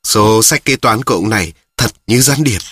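A man's voice: fairly low pitch, animated, normal speed, a bit bright, slightly rough, no room sound. A man reading a story, voicing a weary grown son who talks in a dry, mocking way. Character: weary, sardonic adult son.

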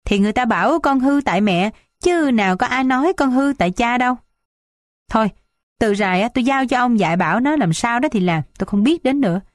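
Woman reader voicing a high, complaining elderly mother figure, dry close sound. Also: animated, brisk, no room sound, lightly acted. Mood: wailing. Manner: shrill, complaining, wailing. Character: scolding old village matriarch, tearful and dramatic.

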